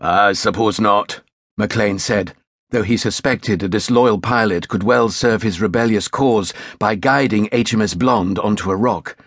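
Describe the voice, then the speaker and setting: A man narrating a historical novel in a steady, measured storytelling manner. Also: fairly low pitch, no echo, studio quality. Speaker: audiobook narrator.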